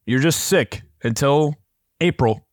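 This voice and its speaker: A young man co-hosting a casual podcast over a video call, sick with a dry, raspy voice and telling teasing stories. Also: mid-range voice, slow, dry recording. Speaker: podcast co-host. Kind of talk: casual chat. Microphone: earbuds and Zoom mic.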